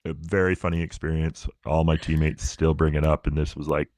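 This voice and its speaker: Very deep-voiced man telling stories. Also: flat delivery, a little fast, a little mellow, no echo. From Canada. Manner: laid-back storyteller, many fillers. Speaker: podcast guest, Paralympic athlete. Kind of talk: casual interview chat.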